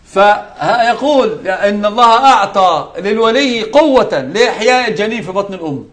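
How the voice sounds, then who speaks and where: A sheikh with a high-sitting male voice and a fairly bright tone teaches a religious lesson. He speaks with emphasis, repeats important words, draws on scripture, and drops in quick side comments to his students.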